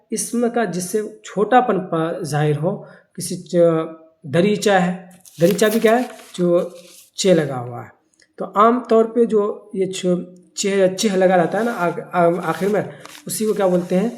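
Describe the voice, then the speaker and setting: A grammar teacher, giving a lecture in which they keep asking rhetorical questions, answering them and repeating key terms slowly. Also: mid-range voice, a little mellow. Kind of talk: classroom-style grammar lecture.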